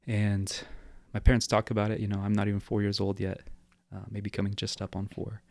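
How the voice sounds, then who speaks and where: Podcast guest, man in his twenties, measured and reflective, fairly low pitch, little melody. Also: no room sound. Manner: reflective, steady, explanatory. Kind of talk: casual interview talk.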